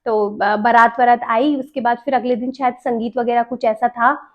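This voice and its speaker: A young woman hosting a podcast tells stories in casual chat, laughing as she remembers them. Her voice is fairly high and steady, at a normal speed, and the recording has a dull lo-fi sound.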